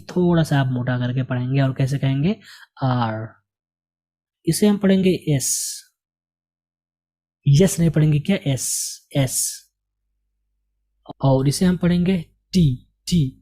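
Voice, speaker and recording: A warm, fairly high male voice guides a slow lesson on English letters. He repeats things patiently and asks the learner questions, then supplies the answers himself.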